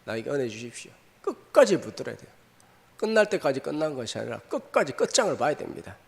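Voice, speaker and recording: A man preaching a sermon in a gravelly voice that swings through a wide, lively range. He is emphatic, repeats his points and keeps asking the congregation questions. His voice rings with long reverb in a large church hall. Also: a little high, fast. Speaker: pastor. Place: church sanctuary.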